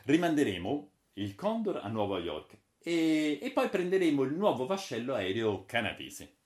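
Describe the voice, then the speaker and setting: A man's voice: mid-range voice, big pitch swings, normal speed, a little mellow, pitched above the performer's own voice, natural voice. A man voicing a confident guide who explains a future world to visitors, assured and explanatory. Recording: roomy echo.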